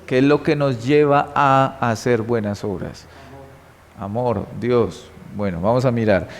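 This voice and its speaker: A man with a Colombian Spanish accent teaches a church Bible class in an unhurried, mid-range voice. He reads scripture aloud and quizzes the class with questions, repeating key words.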